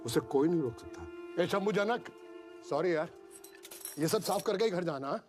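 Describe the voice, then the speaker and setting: Man dubbing a gruff uncle figure, teasing, scolding, animated pitch, music underneath. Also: normal speed, natural voice. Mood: wry. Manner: scolding, mocking, then soothing. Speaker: cafe regular called captain. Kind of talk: Hindi film dub. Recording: film soundtrack with music behind. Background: film score.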